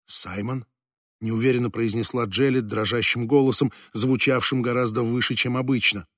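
A man reading a fantasy novel aloud as an audiobook narrator, with measured, slow, dramatic phrasing that sinks at the ends of phrases. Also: medium pitch, steady tone, fairly bright tone, dry recording, studio quality.

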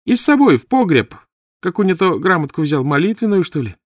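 A man's voice: sits high, very animated, a little fast, no echo, studio quality, pitched above the performer's own voice. A man voicing a shy young village girl with folksy village speech. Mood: naive.

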